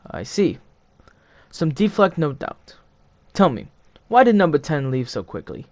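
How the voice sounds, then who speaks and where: A man's voice: fairly high pitch, very animated, a little slow, darkish tone, no room sound. A man voicing a stern, formal railway boss in a storybook reading.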